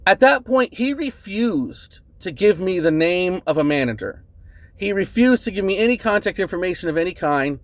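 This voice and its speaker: A man calmly recounting a bad encounter as a customer, earnest and measured, often adding "right?" and "um". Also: high voice, no room sound. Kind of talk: casual spoken account to camera.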